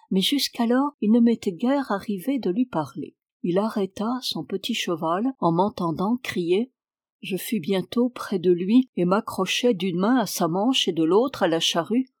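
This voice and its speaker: A woman reading a classic story aloud in a measured, clear storytelling voice. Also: medium pitch, a little mellow, dry recording, studio quality. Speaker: reader. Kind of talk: literary reading.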